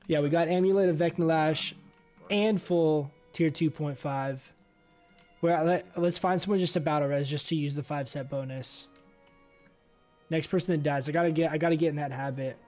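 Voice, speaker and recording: Male streamer, slightly higher voice, rambling casual chat full of fillers, faint game music behind. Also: moderate pace, a little mellow. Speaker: streamer playing an online game.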